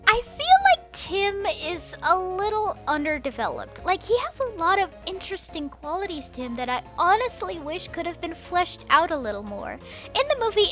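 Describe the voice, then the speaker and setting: A young woman with a high voice reads a scripted movie review as a voice-over. She sounds enthusiastic and expressive, dropping in casual slang.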